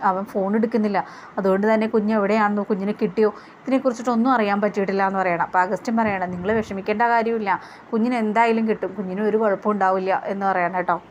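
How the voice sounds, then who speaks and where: A woman's voice: medium pitch, highs cut off, slight background noise. A woman casually recapping a TV serial episode in a chatty retelling style, quoting each character in her own voice. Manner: chatty retelling, often adds "kettoo" tags and quotes characters in her own voice.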